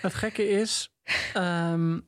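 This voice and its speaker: A man's voice: high-pitched, fairly even intonation, drawn-out words, no echo, studio quality. A man with a Dutch accent, co-hosting a podcast and thinking aloud in a casual book discussion. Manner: thoughtful, hesitant with fillers and restarts. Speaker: podcast co-host.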